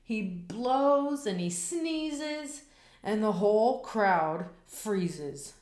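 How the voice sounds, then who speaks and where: Slow, expressive woman reading a storybook. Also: mid-range voice, reverberant. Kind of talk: children's picture-book read-aloud.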